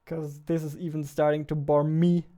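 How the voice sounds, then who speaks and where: A young adult man, an indie game developer, sits at a computer desk in a small room, thinking aloud as he codes and muttering to himself between tasks, half-distracted. His voice is a little high and mellow, with a flat delivery at a moderate pace.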